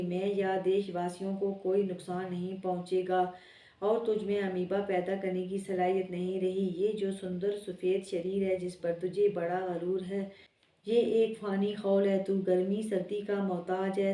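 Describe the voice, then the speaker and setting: A stern female Earth spirit issues warnings in a steady, unhurried voice, as a woman narrator puts her on. The tone stays mellow and low-key rather than bright. It sounds roomy and a little distant from the mic. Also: lightly acted. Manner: commanding, warning.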